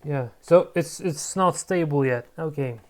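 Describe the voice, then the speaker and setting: Here a language learner vlogs casually about pronunciation, going over words repeatedly, fixing mistakes, and mumbling under their breath between excited outbursts. Their mid-range voice moves a little slowly.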